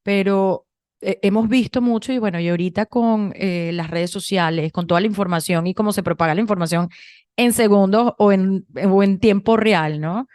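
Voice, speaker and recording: A woman's voice: mid-range voice, moderate pace, no room sound. Chatty Venezuelan woman, dry sound. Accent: Venezuelan Spanish. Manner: chatty, animated storytelling with many restarts. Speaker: podcast co-host. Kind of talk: casual conversation.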